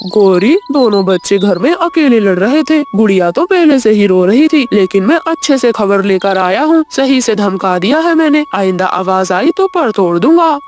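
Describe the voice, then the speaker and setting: A woman voicing a grumpy, bossy male crow in a children's cartoon, talking gruffly and making threats. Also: mid-range voice, animated, normal speed, few pauses, a little mellow, soft background music, lightly acted. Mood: boastful.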